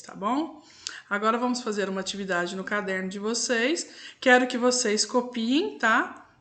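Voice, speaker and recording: Patient Brazilian teacher woman, higher voice. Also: a bit bright. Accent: Brazilian Portuguese. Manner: patient, explains step by step with frequent "tá?". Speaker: primary school teacher. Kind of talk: recorded online lesson.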